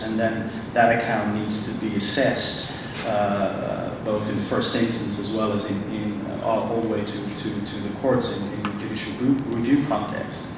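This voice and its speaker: A man speaking on a conference panel, halting and restarting often as he thinks aloud. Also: on the low side. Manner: halting, many restarts and fillers. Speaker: panel speaker from a refugee agency. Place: large conference hall. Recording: echoey hall, distant mic, noisy.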